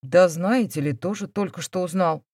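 A woman voicing an unflappable young man who speaks quietly and firmly. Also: lowish voice, normal speed, dry recording, studio quality, close to an everyday voice. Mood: unruffled. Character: calm, confident young man, possessive.

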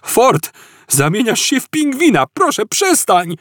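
A man voicing a bewildered young Englishman who yells in frantic, shrill panic. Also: expressive, measured pace, no room sound, studio quality. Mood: panicked.

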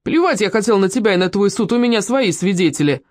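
A reader voicing a rough working-class truck driver who shouts back crudely. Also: mid-range voice, lively intonation, fast, no echo, clean studio sound, pitched above the performer's own voice, close to an everyday voice. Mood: angry. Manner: crude, bawling.

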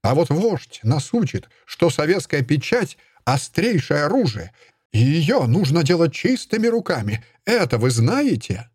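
A shrill, self-righteous Soviet woman official, as a male audiobook reader puts her on, pitched well above his own voice and swooping widely. She shouts her accusations in a triumphant sing-song. The voice stays husky and dry. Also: very animated, a little slow, dry recording, exaggerated voice. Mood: triumphant shouting.

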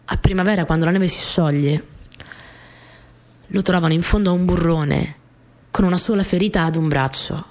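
This actress uses a fairly low, natural voice at normal speed, with long pauses. She voices a small, earnest, easily flustered young partisan courier from wartime, telling her story in an intimate, expressive radio drama monologue that feels earnest and reflective.

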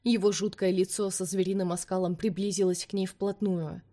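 A woman narrating an audiobook in a steady, dramatic reading. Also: mid-range voice, normal speed. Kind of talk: expressive scripted narration.

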